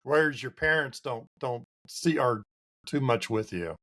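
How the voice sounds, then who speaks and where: A man's voice: medium pitch, expressive, measured pace, pushed and bright. A man hosting an interview, asking probing questions and stumbling over his words. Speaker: podcast host.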